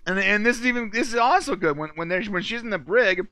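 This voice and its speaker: A man with a high, bright voice talks through a TV episode in a loose, excited ramble, full of quick asides. He sounds like a casual co-host reviewing a show, recorded close and dry with no room sound. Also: no room sound.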